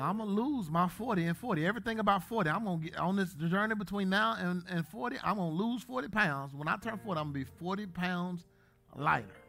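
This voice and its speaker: A man in his thirties, a pastor, preaching a sermon in a church, joking at times and then building to loud, emphatic bursts. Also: fairly high pitch, creaky. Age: 30s.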